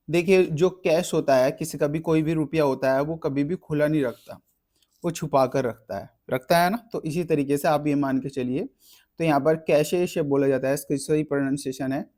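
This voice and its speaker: A man teaches a vocabulary lesson in a somewhat high voice. He explains patiently, spells words out letter by letter, and links each one to an easy memory trick. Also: steady tone, moderate pace, darkish tone.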